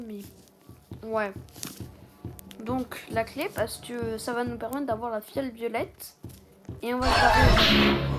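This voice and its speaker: A young person giving casual, rambling gameplay commentary in an exasperated, self-conscious way. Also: mid-range voice. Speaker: gaming video creator, player. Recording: music behind the voice.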